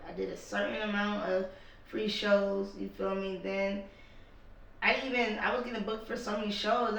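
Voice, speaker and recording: A gravelly-voiced man talking as a rapper guest on a podcast, emphatic and full of slang. The room rings with a lot of echo, and he sits back from the microphone. Faint room noise hangs behind him. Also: high voice, a bit bright. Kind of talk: casual podcast chat. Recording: echoey room, mic at a distance.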